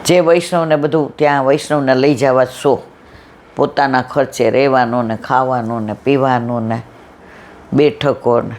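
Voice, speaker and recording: A woman's voice: rumbling low, steady tone, moderate pace, darkish tone, a little hiss or hum. A woman giving a devotional satsang talk, telling stories conversationally and acting out the dialogue. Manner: conversational, acts out quoted dialogue. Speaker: satsang speaker. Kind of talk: devotional discourse with storytelling.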